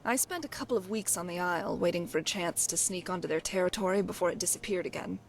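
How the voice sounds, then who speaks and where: A woman voices a glib, evasive thief companion in scripted fantasy video game dialogue, speaking wryly and coyly as she tells a story. Her pitch is fairly low, her pace quick, and the acting light.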